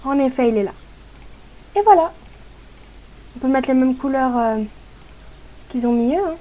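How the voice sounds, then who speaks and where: High-voiced woman explaining a game tutorial. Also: expressive, moderate pace, mellow. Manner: chatty and explanatory, frequent hesitations. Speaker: gaming tutorial host. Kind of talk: casual tutorial voice-over.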